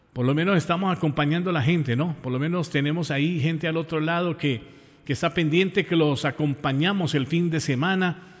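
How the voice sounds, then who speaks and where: This radio host, a man from Pereira, Colombia, speaks with a Colombian accent in a slightly high voice. Talking informally in a large hall, he is warm and gushing toward his listeners and keeps repeating phrases to stress them.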